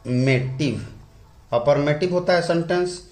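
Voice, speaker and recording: A man teaching English grammar in a lesson, repeating key words slowly and drawing them out. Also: on the high side, darkish tone. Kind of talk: explaining at a whiteboard. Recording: echoey room.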